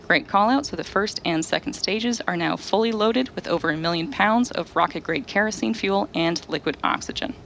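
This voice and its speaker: A woman presenting live launch commentary as a webcast host, explaining things in a clearly enunciated presenter style. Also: mid-range voice, moderate pace, hardly any pauses, fairly bright tone, slight background noise.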